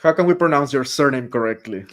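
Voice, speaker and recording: A man's voice: mid-range voice, normal speed. Casual male interpreter on a video call. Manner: friendly, casual, filler words like "like" and "uh".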